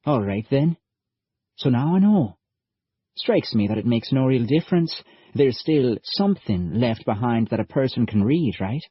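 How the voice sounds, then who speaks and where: A husky-voiced man voicing an earnest young male time-traveller who talks in a lively, folksy way. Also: mid-range voice, unhurried, dry recording. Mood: brisk. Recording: dull lo-fi audiobook recording.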